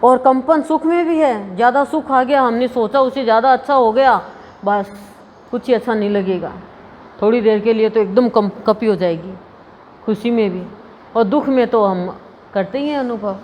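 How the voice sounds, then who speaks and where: A woman preacher gives a homely devotional talk, chatty and quick to laugh at her own anecdotes. Her voice sits a little high. It carries a long hall reverb over faint ambient noise. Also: dull audio. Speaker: spiritual preacher.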